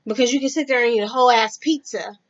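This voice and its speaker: A woman's voice: a little high, fast. A woman giving blunt, profane advice in a casual vlog, talking straight to the viewer. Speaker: vlogger. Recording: dull lo-fi sound.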